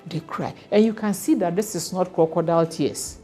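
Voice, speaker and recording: Low, warm Ghanaian woman official. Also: normal speed, soft background music. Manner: emotional, addresses interviewer by name. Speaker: foundation official. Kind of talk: interview.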